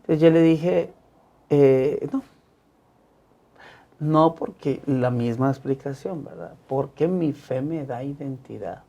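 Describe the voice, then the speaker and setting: Un hombre religioso católico que cuenta su testimonio de fe en una entrevista, de manera sincera y con repeticiones enfáticas. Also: male voice, a little high, slow pace, gravelly, long pauses, dark tone. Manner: earnest, emphatic repetitions. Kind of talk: personal faith testimony in conversation.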